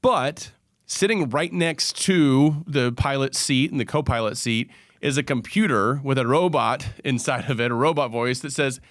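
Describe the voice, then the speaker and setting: Brief: male radio host, folksy and animated, middle pitch, dry close sound. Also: dry recording. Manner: animated, folksy explainer with quick asides. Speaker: radio show host, financial advisor. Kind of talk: casual radio talk show chat.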